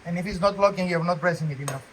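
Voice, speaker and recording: A man's voice: high-pitched, very fast, a bit bright, low-quality recording. A man explaining a repair in a casual, joking how-to chat, often checking with short tag questions. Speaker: co-host demonstrating a DIY repair. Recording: phone video with faint background noise.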